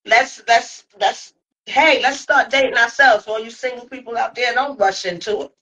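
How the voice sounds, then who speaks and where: A woman's voice: fairly high pitch, moderate pace, pushed and bright. A woman hosting a podcast, playful and talking straight to her listeners. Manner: playful, addresses listeners directly, hypes the audience. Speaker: podcast host. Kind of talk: casual podcast conversation. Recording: dull lo-fi audio.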